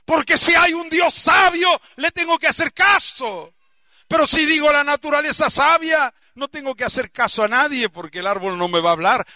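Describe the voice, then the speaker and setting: A pastor with an Argentine Spanish accent preaches an emphatic sermon, shouting out key words and dropping his voice low for asides. The studio recording is clean with no echo.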